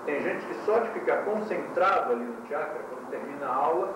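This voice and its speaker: A man teaching a yoga class in a lecture style, explaining with quick demonstrations and light humor, heard from an old VHS tape recording. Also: a little high, lively intonation, distant mic. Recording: old VHS tape, echoey room from afar, hiss.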